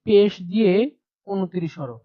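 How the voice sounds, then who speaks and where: A man's voice: sits high, animated, normal speed, dry recording, narrow, tinny audio. A man teaching a primary class over a shared screen, explaining step by step and repeating letter sounds aloud. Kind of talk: screen-share textbook lesson.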